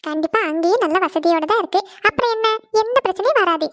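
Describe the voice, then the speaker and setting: A woman voicing a spoiled young bride from a rich family in a cartoon, talking quick and pouty. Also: very high-pitched, animated, fairly bright tone, no room sound. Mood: reassuring. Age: young adult. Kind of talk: cartoon voice acting.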